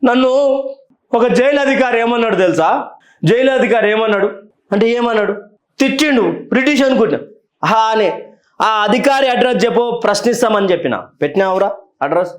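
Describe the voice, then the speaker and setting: A man's voice: high voice, expressive, a little fast. A man giving heated political commentary, scolding and taunting, repeating his questions. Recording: roomy echo.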